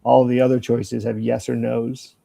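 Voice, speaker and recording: An older man chatting casually on a podcast, wandering from idea to story. His voice is gravelly and husky, low and dark, and it sits close and dry on the mic. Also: little pitch movement, moderate pace, dry recording. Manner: rambling, swears freely, acts out both sides of a story. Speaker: podcast co-host. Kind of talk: casual chat.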